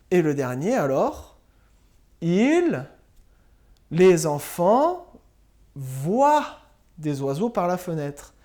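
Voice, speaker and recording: A woman teacher giving a slow, patient spelling and grammar lesson to young pupils, spelling words out letter by letter. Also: lowish voice, mellow. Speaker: primary school teacher.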